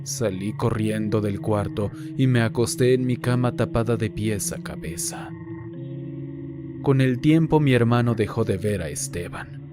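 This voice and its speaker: Man narrating horror stories over soft music. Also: medium pitch, measured pace. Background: faint background music.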